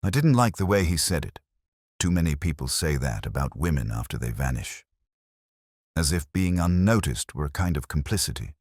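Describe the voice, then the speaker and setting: A man playing a brooding, literate police inspector, narrating a detective drama in a measured, wry, reflective way. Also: rumbling low, big pitch swings, a little mellow, dry recording, clean studio sound, heavily acted. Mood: quietly troubled. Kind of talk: scripted first-person detective drama narration.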